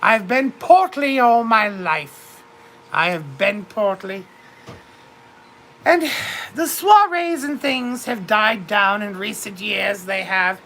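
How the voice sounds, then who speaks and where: Her voice is mid-range, animated, slow and a bit bright, captured in poor audio with slight background noise. She's a livestream host staying in character as a vain British duchess, a widow in her fifties. She talks to viewers with theatrical grandeur and keeps calling them darling.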